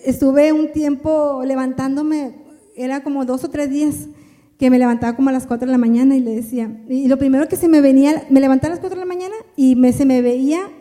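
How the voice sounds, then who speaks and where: A woman's voice: sits high, dark tone. Earnest woman, lay preacher's testimony, repetitive and emotional; long hall reverb. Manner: emotional, repeats phrases over and over. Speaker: church member preaching. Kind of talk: testimony sermon.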